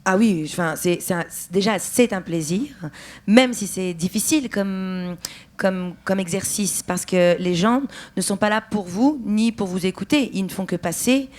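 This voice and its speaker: A woman's voice: medium pitch, moderate pace. A woman from France, an actress and writer, answering festival interview questions in a thoughtful way, often searching for words.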